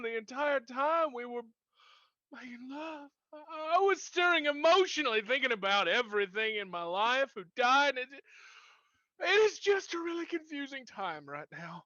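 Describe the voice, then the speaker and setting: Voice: high-pitched, pushed and bright, no room sound, muffled recording. A performer voicing a melodramatic, self-pitying ancient hero and jilted lover in role-play, overwrought and lamenting. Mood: wounded, accusing.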